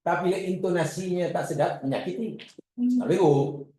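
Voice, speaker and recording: A man teaches a religious class in a lively, animated way, acting out his examples as he goes. His voice sits a little high but stays soft and mellow. The recording carries a heavy echo from the room. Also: normal speed. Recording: echoey room.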